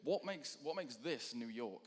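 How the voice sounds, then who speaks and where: A man's voice: medium pitch, expressive, unhurried. A young man doing a stand-up routine between acts at a charity show, rambling and self-deprecating with lots of ums. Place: large hall on stage. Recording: hall reverb.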